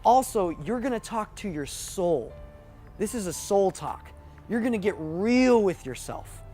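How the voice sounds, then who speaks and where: A man's voice: high-pitched, lively intonation, a little slow, dark tone, faint music behind. A man giving a motivational coaching talk, fervent and emphatic. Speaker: business coach.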